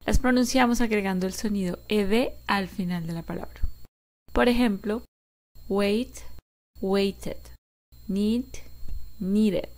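A woman's voice: a little high, darkish tone. A woman teaching grammar in a cheerful, careful way. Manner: cheerful, slow and careful, repeating words for practice. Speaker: English teacher. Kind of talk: explaining grammar to a camera.

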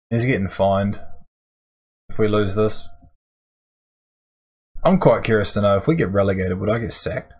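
A man's voice: fairly low pitch, low-quality recording. A man, giving casual, dryly grumbling commentary while playing a game. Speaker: gaming video host. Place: small room at home, indoors.

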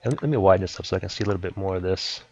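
A man casually explaining a video editing program step by step, in a relaxed way. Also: deep voice, racing, highs cut off, a little hiss or hum. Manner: relaxed step-by-step explaining, repeats "let me go ahead". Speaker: software tutorial host. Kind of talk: casual screen-recording tutorial.

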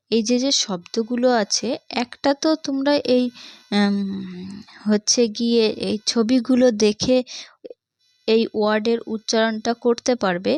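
Bangladeshi woman, children's teacher, patient, repeats and asks questions, higher pitch, dry sound. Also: a little mellow, no echo. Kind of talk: explaining an English reading lesson to young children.

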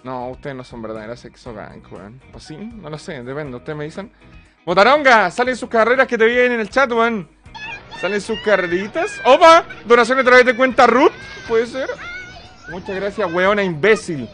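A man's voice: sits high, lively intonation, normal speed, sharp tone, soft background music. A young Chilean man streaming live, chatting with his viewers, swearing freely and joking as he reads out donations. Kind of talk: casual live-stream chat.

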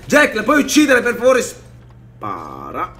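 A man giving excitable let's-play commentary, swearing a lot and yelling in panic at enemies while addressing viewers directly. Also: sits high, slow pace, vocal fry. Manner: talks to viewers as "raga". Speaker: gameplay commentator.

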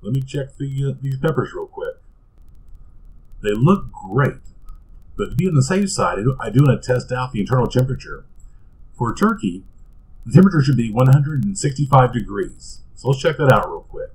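In a rough recording, a man with a mid-range voice speaks at a moderate pace while hosting a home cooking show from a small kitchen. He chats casually as he cooks and tastes, relaxed and talkative, with fillers and restarts.

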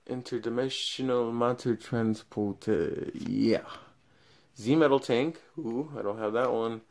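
A man's voice: medium pitch, vocal fry, darkish tone. A young man giving a casual unboxing review of collectible cards, thinking aloud, his voice fading in and out as he moves around the camera. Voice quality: level drops in and out as he moves. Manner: rambling, thinks aloud while opening packs. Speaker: card collector reviewing a product. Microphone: camera mic, filming at an awkward angle.

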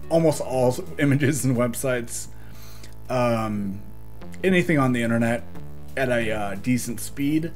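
A man's voice: medium pitch, darkish tone. A man giving casual, chatty gameplay commentary, talking to himself and laughing often. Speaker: let's play gamer.

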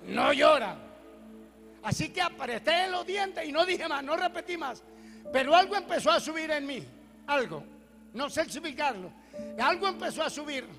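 A man preaching a testimony sermon, animated and storytelling, swinging from loud declarations to hushed prayers. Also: extremely high pitch, normal speed, big-room sound, faint music behind.

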